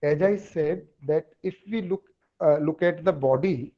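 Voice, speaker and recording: Male lecturer, North Indian accent, slightly high voice, halting and hesitant, explaining off the cuff over muffled call audio. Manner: halting, with many long hesitations. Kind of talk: extempore online lecture. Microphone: online call on a phone. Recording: dull, low-fidelity online call audio.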